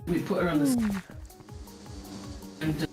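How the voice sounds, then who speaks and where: A woman in casual voice chat who has turned away from her desk mic, so a noise gate cuts her words off into choppy fragments. She talks haltingly and trails off mid-sentence. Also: fairly low pitch, animated, darkish tone, echoey room, soft background music. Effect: voice choppy, cut off by a noise gate. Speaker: gamer on a voice chat.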